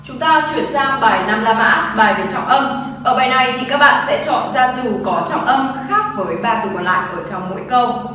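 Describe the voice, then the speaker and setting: A woman's voice: on the high side, lively intonation, fairly quick, bright, forceful tone, a little hiss or hum. A woman with a Vietnamese accent teaching English, reading each exam sentence aloud and then explaining or translating it. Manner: reads English text then translates it line by line. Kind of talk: exam walkthrough lesson. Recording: echoey distant room recording.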